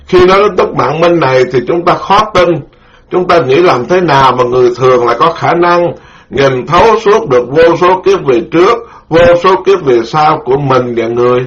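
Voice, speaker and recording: A middle-aged man, a Buddhist monk giving a dharma lecture, speaking slowly and repeating key terms for his listeners. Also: fairly high pitch, animated. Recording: dull lo-fi recording.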